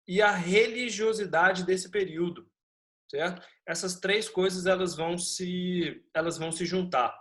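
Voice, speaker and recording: A man who teaches history, telling his students a funny class-trip story before going back to the lesson. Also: high-pitched. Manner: lively anecdote with acted quotes and laughter.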